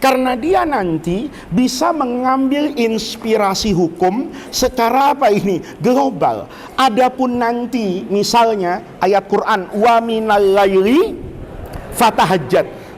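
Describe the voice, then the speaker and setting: Animated man teaching in a reverberant hall. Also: high voice. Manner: asks students questions and answers them himself, joking. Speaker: Islamic teacher. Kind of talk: lively religious lecture. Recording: long reverb, faint noise.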